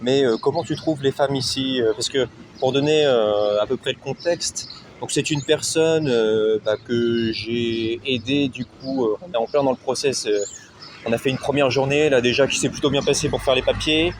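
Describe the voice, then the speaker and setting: A man with a medium-pitched voice hosts a casual interview. He feels his way through sentences and often repeats himself. Faint urban outdoor noise sits behind him. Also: normal speed. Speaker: interviewer, YouTuber helping expatriates.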